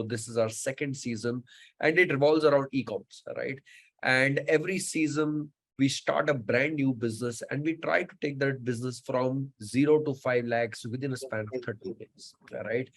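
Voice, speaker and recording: Hosting a live online show, a man from Mumbai chats casually in Indian English, full of fillers and words said three times over. His voice sits at medium pitch, captured on a low-quality recording.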